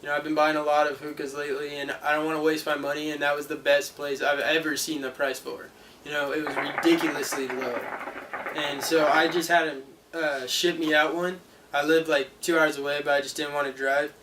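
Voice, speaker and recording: A man's voice: a little high, flat delivery, a little fast, fairly bright tone. A man giving an informal product review as host, chatting casually in a rambling, explanatory way. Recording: distant mic, clearly noisy background.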